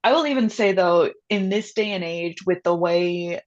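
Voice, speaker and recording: A woman with a fairly low voice chats informally as a show co-host. Her delivery is casual and conversational, and the recording is a little dull. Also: normal speed, darkish tone. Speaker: book review co-host. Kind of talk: casual chat.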